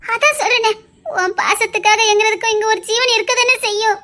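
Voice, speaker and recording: A woman's voice: extremely high pitch, steady tone, fairly quick, pushed and bright. A woman with a Tirunelveli Tamil accent voicing a devoted young woman who soothes and coaxes. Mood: tender. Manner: coaxing, soothing, insistent. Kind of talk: amateur dramatic dialogue.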